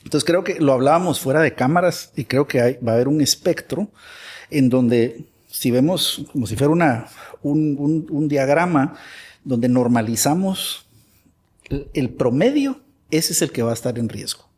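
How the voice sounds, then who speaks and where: A man's voice: medium pitch, lively intonation, moderate pace, a little mellow, slightly rough. A man from Guatemala, a guest expert in a conversational interview, who talks animatedly and acts out imagined dialogues.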